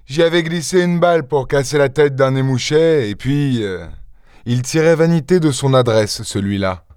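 A man voicing a boastful young eldest son of a farmer, raised in pitch and calling out, recorded dry. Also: moderate pace, clear, resonant tone, dry recording, lightly acted. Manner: cocky, then frantic shouting.

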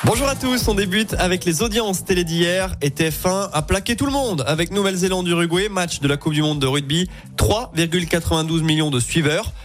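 A male radio host giving a brisk, upbeat roundup of TV ratings and news. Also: on the high side. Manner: brisk and upbeat, reads from notes.

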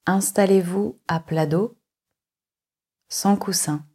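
A woman's fairly low, husky voice leads a yoga nidra relaxation meditation. As instructor, she gives calm, measured cues with long pauses.

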